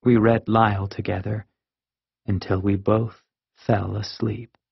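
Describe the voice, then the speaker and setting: Slow, gravelly man reading a children's book. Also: lowish voice, little pitch movement, no echo. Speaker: audiobook narrator. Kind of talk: scripted narration. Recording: dull lo-fi audiobook recording.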